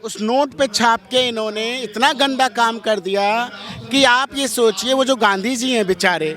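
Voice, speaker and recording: The man's voice is very high with a fairly bright tone. He speaks as a religious figure in a street interview, delivering impassioned, combative answers full of strident rhetorical questions.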